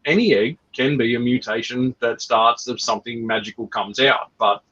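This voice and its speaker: A man's voice: medium pitch, fairly even intonation, moderate pace, a bit bright, breathy edge. A man hosting a casual reptile livestream, teasing his co-host with jokey banter. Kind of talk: casual chat. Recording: dull lo-fi audio.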